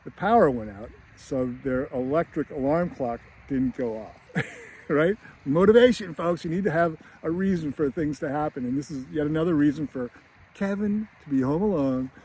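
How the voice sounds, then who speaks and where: A man's voice: fairly high pitch, normal speed, a little mellow, slight background noise. A man teaching screenwriting, chatting casually and chuckling as he retells scenes. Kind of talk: casual film breakdown.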